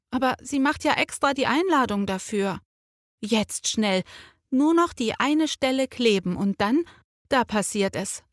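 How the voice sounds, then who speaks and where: Langsam erzählende Frau, Kindergeschichte. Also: female voice, on the high side, no room sound, studio quality. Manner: slow, clear and expressive. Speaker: narrator. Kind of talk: children's story narration.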